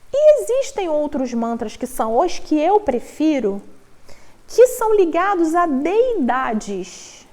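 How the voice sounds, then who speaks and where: A woman giving a relaxed live talk to a retreat group, her voice sitting high and moving through a wide, animated range. She explains in a conversational way and thinks out loud through hypothetical examples, as though chatting with the room. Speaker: Vedic astrologer giving a talk. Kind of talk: informal lecture at a yoga retreat.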